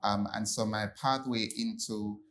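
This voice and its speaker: A young man from Jamaica speaking on a panel, relaxed, with many ums and restarts. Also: fairly low pitch, measured pace, slight background noise. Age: young adult. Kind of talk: panel discussion.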